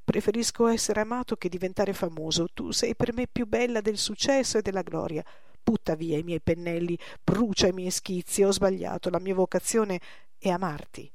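A woman's voice: mid-range voice, moderate pace, darkish tone, dry recording, clean studio sound, close to an everyday voice. A woman voicing a young male artist, pleading fervently with his lover.

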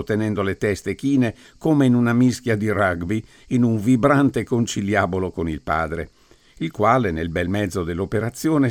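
A man reading a story aloud, narrating in a theatrical way and putting on voices for the characters. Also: no room sound. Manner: theatrical, voices the quoted characters louder and higher.

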